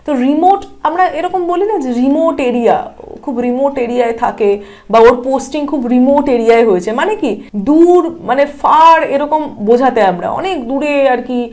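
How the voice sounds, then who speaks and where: High-voiced woman teaching exam English. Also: a little mellow. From India. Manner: explains step by step, asks rhetorical questions to the viewer; reads English answer options slowly and deliberately. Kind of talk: online exam-prep lesson.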